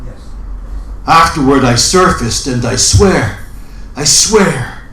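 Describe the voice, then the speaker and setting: A man at an open mic, introducing and reciting his poetry with measured, deliberate phrasing. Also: mid-range voice, animated, pushed and bright. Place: indoor open mic event room. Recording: roomy live recording with background noise.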